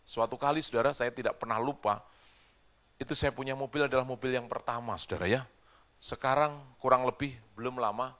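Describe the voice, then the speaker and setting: A male pastor giving a sermon, moving between loud preaching and quiet storytelling and asking the congregation questions. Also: mid-range voice, muffled recording.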